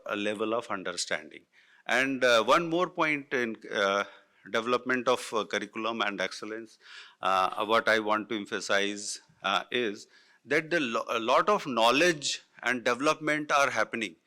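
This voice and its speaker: Speaking off the cuff on a panel, this middle-aged north Indian man, a native Hindi speaker, talks in an Indian English accent shaped by Hindi. His voice is medium-pitched and sharp, and his delivery halts often with fillers and restarts.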